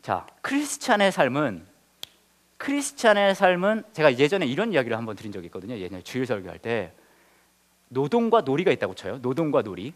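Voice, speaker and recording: A man's voice: medium pitch, fairly quick. A man, a pastor, leading a Bible study lesson, asking his listeners questions and joking with them. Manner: lively teacher, quizzes the group, jokes.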